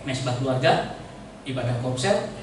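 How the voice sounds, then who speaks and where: A man with an Indonesian accent preaching a lively, joking sermon and calling out to the congregation. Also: medium pitch, moderate pace, a little hiss or hum. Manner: jokey, animated, calls out to the congregation. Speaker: pastor. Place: church hall. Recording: echoey church hall, mic at a distance.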